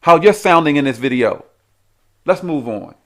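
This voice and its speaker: High-voiced man ranting combatively. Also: animated, moderate pace, fairly bright tone. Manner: argumentative, repetitive, challenging. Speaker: commentary channel host. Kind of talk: reaction rant.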